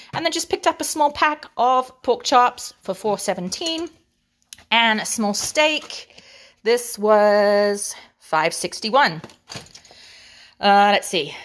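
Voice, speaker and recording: A woman's voice: on the high side, a bit bright. A woman with an English accent, from England, chatting playfully through her grocery haul and savoring each item. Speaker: vlogger. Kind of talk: grocery haul show-and-tell.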